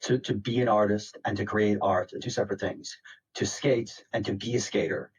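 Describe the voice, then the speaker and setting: A woman's voice: rumbling low, fairly even intonation, normal speed, a little mellow, husky, rough recording. A woman hosting a podcast interview, mostly giving short affirmations and brief follow-up questions. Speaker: podcast host. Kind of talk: casual conversational interview.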